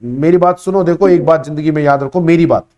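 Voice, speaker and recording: An adult man teaching a live online class, his voice sitting a little on the high side. He presses his points hard, says the same phrase two or three times for weight, and talks to his students in a warm, instructive way. He keeps up a steady lecture while taking their questions. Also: brisk, muffled recording. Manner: emphatic, repeats key phrases, addresses students as beta.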